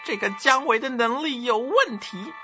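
A shrill wailing court eunuch. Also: male voice, animated, normal speed, bright, forceful tone, dull audio, soft background music, exaggerated voice. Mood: scheming. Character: whiny scheming male court eunuch.

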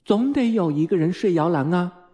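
Bossy motherly girl, as a male storyteller puts her on, high piping voice, fussy scolding, storybook reading. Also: very animated, moderate pace, dark tone. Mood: exasperated.

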